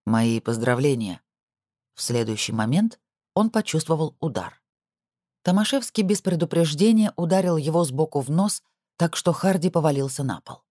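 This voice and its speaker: A man reading a novel aloud with steady, even scripted narration. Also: a little high, moderate pace, no echo, studio quality. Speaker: audiobook narrator.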